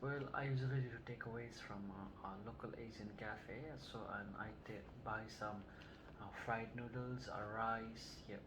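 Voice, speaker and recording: A woman playing an older Vietnamese-born male patient who answers in a halting, hesitant way in a scripted health assessment role-play. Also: rumbling low, steady tone. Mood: calm. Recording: noticeable background noise.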